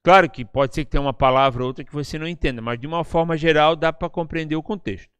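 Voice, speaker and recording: A Brazilian Portuguese-accented man delivers a relaxed, conversational sermon at a church service. His voice sits a touch high and sounds smooth and resonant. The sound is close and dry, and he keeps checking in with his listeners as he goes. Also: fast, no echo. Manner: chatty, tags lines with questions to the listeners. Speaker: preacher. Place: church service, live-streamed.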